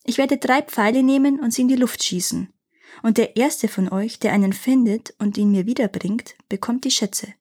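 A woman voicing a resolute young prince in a fairy tale reading, speaking calm and clear. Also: fairly high pitch, moderate pace.

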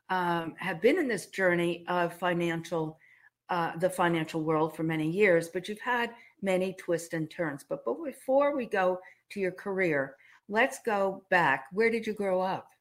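A woman in her seventies hosting an interview, talking in a chatty way with many fillers and restarts, and coughing now and then. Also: fairly low pitch. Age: 70s. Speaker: host. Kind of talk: casual interview chat.

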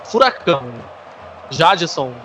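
A Brazilian man gives live play-by-play of a football match. His voice sits fairly high, with faint stadium noise behind it. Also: expressive, slow, a bit bright, rough recording. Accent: Brazilian Portuguese.

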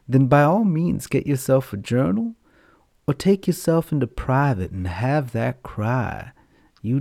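A man hosts a podcast in a campy, auntie-like way. His voice is mellow and sits at a middling pitch, recorded close and dry. He talks off the cuff to his listeners, stretching words theatrically. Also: creaky, no room sound. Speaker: podcast host and storyteller. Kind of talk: casual unscripted talk to listeners.

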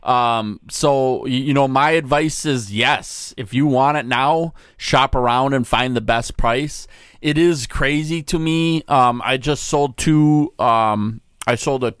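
A man co-hosting a casual podcast, talking in a relaxed, measured way and giving advice. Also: mid-range voice, clean tone, dry recording, clean studio sound. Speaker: podcast co-host. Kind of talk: casual chat.

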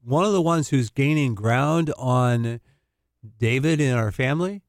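A man's voice: mid-range voice, measured pace, no echo, clean studio sound. A male counselor talking casually on a radio show, explaining and laughing easily. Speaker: family counselor, guest.

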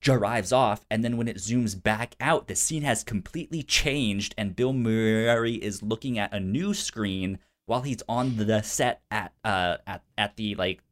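This male film podcast co-host has a low-leaning voice and talks a little slowly, with hardly any pauses. His casual, enthusiastic movie chat features a stutter that repeats sounds and syllables.

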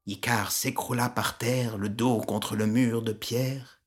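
A woman narrating a storybook tale, expressive with whispered asides. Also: extremely low pitch, slow pace.

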